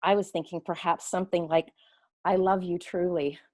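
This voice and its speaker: An actress playing a gentle, starstruck grown daughter, defensive with her mother, in a period drama reading. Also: lowish voice, level tone, normal speed, lightly acted. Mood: eager, hesitant.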